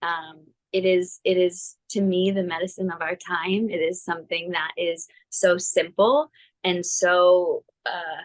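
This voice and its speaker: Woman yoga teacher talking on a video call, lowish voice, thoughtful and measured. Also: little pitch movement, low-quality recording. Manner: thoughtful, measured, some hesitations. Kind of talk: reflective personal interview.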